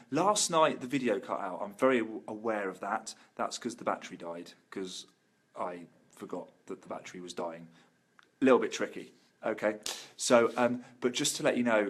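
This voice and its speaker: Male vlogger, lowish pitch, informal and upbeat, speaking casually to followers. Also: breathy edge. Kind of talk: casual video update to friends and followers.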